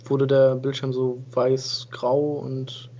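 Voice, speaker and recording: A man co-hosts a gaming podcast, chatting casually about game reviews in a flat, easygoing way and often correcting himself. His mid-range voice moves at a slow pace, and the dull lo-fi home recording carries slight background noise.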